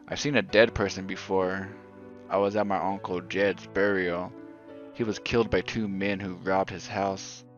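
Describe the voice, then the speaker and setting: A man narrating a scripted horror story in a slow, subdued and even manner. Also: low-pitched. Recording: dull lo-fi audio, faint music.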